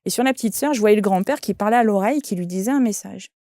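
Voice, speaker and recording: A woman's voice: mid-range voice, quick pace, dark tone, no room sound. A woman, a shaman and medium, telling an anecdote in an interview and quoting the people in it. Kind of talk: interview storytelling.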